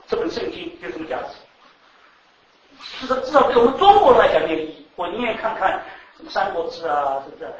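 Animated high-voiced male preacher, echoey hall. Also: gravelly, distant mic. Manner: animated, repeats words, laughs, asks the audience questions. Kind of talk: sermon. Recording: echoey room, speaker off-mic, faint background noise.

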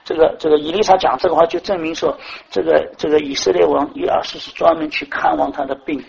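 High-voiced man preaching a sermon. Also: quick pace, creaky, lo-fi sound. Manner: rhetorical questions, heavy "this, this" fillers; admonishing, conversational.

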